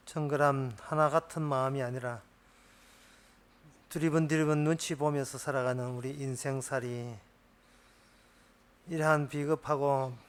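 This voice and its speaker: During a church service, a male pastor leads his congregation in an earnest, hushed prayer, his phrases trailing off at the ends. His voice is medium in pitch and the tone is clean.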